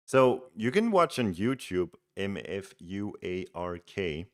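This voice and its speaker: With a low-pitched voice, this man from Denmark takes things slowly, his Danish accent audible as he coaches a game player. He chats casually and in a relaxed way with live stream viewers, restarting words often.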